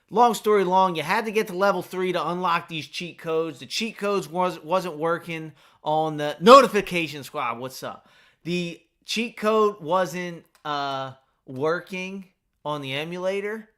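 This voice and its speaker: A gaming streamer chats casually on a live stream while playing, rambling and interrupting himself while eating lunch. His voice sits high, bright and unhurried. He isn't using his usual mic.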